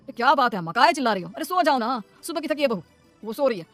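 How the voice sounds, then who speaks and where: A woman's voice: high-pitched, sing-song, fast, soft background music. A woman voicing a casual, easygoing young adult son in a cartoon story, talking in an offhand way.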